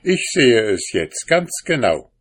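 A stubborn, boastful husband from a storybook, put on by a male reader. His voice sits raised above the reader's own and swings about with insistence, the words drawn out slowly. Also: mid-range voice, sing-song, breathy edge, voice pushed up, heavily acted. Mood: eager. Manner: insistent, boastful, growing heated. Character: stubborn pompous short-sighted husband.

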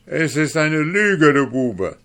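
A man voicing a furious, arrogant duke who shouts threats in an audiobook reading. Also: a little high, big pitch swings, slow pace, voice pushed up, heavily acted. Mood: enraged. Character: furious arrogant duke, male adult ruler.

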